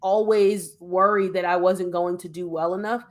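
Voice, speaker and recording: Animated woman from Philadelphia. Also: fairly low pitch, normal speed. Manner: animated, digressive, many restarts. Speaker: podcast co-host. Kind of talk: casual conversation.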